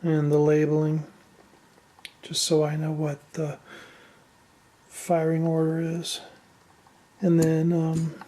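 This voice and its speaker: With clear machine noise running in the background, a hobbyist presenter talks through her build off the cuff, hesitant and poking fun at herself. Her voice is low-pitched and warm in tone.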